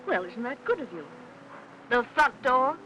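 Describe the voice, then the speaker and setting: An actress playing a fussy, chattering older aunt who rambles and pries in a 1950s film. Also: female voice, high voice, big pitch swings, measured pace, lo-fi sound, background noise. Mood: puzzled polite. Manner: rambling, prying, fussing talk.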